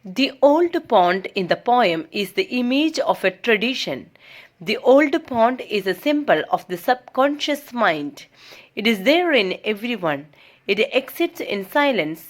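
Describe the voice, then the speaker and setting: Slow, dictating woman tutor. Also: on the high side, sing-song. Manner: reads English notes slowly as dictation, then explains fast in her own words with fillers. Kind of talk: exam-prep lesson.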